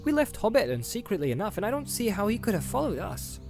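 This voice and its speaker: A man voicing Pippin, a lively young male hobbit, in a storybook reading, with a light, teasing manner. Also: high-pitched, fast, creaky, music in the background, voice pushed up, exaggerated voice. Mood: doubtful.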